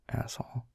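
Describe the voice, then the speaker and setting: In an audio roleplay, a man plays a grumpy, world-weary middle manager, the boss, speaking in a hushed, breathy, sardonic way and swearing casually. The recording is dry, with clean studio sound.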